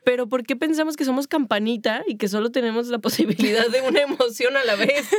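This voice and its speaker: A woman's voice: fairly high pitch, fast talker, no room sound, studio quality. A woman with a Mexican accent talking casually about faith and emotions, stacking up long spoken lists. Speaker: podcast co-host.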